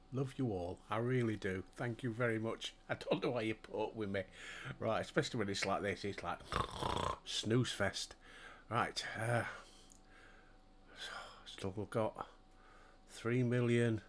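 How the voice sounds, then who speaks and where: An older Yorkshireman streaming a game chats casually to himself and his viewers in relaxed commentary. His voice is fairly low, and the home headset-mic recording carries a little hiss or hum.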